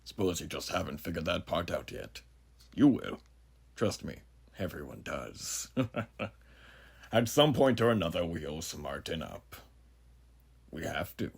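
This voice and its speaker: A man playing a menacingly genial, philosophizing frontier judge in a horror audio roleplay, speaking grandly and theatrically with a gravelly voice. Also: rumbling low, full character voice. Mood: philosophical, ominous. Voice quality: gravelly, husky. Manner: grandiloquent, unhurried, theatrical, with dramatic pauses. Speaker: voice actor.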